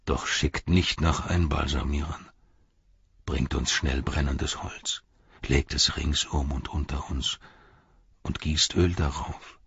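A man voicing a proud, grieving old lord who speaks hushed and slow in a low, husky voice. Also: fairly even intonation, no room sound, full character voice. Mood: despairing. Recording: dull, dry recording.

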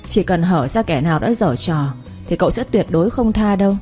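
A woman's voice: lowish voice, expressive, brisk, warm tone, soft background music, lightly acted. A woman voicing a fiery young female servant who scolds shrilly, in a read-aloud story. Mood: furious.

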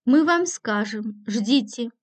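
A woman's voice: a little high, animated, slow, voice pushed down. A woman voicing a young woman who fakes a kidnapper's disguised voice, clipped and ominous. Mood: menacing.

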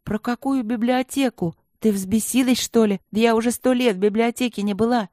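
A woman's voice: on the high side, fairly even intonation, moderate pace, warm tone, dry recording, studio quality, pitched above the performer's own voice, natural voice. A woman reading a storybook voices a hurt teenage girl who pleads and accuses. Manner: pleading and wounded. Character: hurt, tearful teenage schoolgirl.

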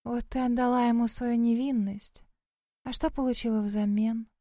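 A woman's voice: a little high, steady tone, moderate pace, dry recording, clean studio sound, natural voice. A woman voicing a scolding centuries-old spirit. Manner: scolding, sarcastic, often hushed. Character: sharp-tongued centuries-old female spirit, disapproving.

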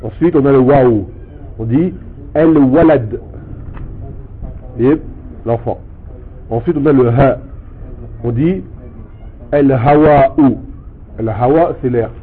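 A man teaching a language lesson, explaining patiently step by step and repeating words slowly for his student. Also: mid-range voice, breathy edge. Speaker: Arabic teacher. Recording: tinny phone-like sound with faint noise.

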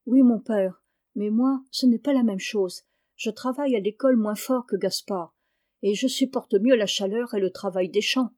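A woman's voice: mid-range voice, normal speed, dark tone, no echo, studio quality, close to an everyday voice. A woman voicing a cheerful, sturdy farm boy who teases and helps his brother.

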